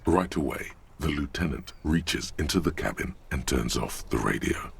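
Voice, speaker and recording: An actor narrating a video game in the second person, measured and ominous. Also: male voice, extremely low pitch, animated, creaky, fairly bright tone, slightly rough, heavily acted. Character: gravelly omniscient male game narrator.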